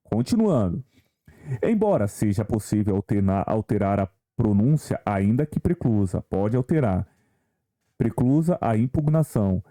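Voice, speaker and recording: A man's voice: on the low side, sing-song, unhurried, mellow. A man teaching an online exam-prep law lesson, walking viewers through questions and asking them rhetorical questions along the way.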